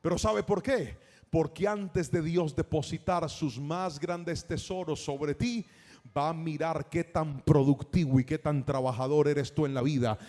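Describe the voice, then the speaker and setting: A pastor preaching to his congregation, his voice pitched high. He tells his stories with emphasis and calls on the listeners to answer him back. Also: a little slow, darkish tone. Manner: storytelling preacher, emphatic with call-and-response. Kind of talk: sermon.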